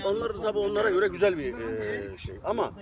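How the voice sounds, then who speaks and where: A man talks quickly in a slightly high voice, rambling along in a loose, friendly chat. He laughs easily and keeps circling back to his point. Street crowd noise hums behind him. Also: expressive, dull audio. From Turkey. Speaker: interviewee, Turkish cook living abroad. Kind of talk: casual outdoor chat.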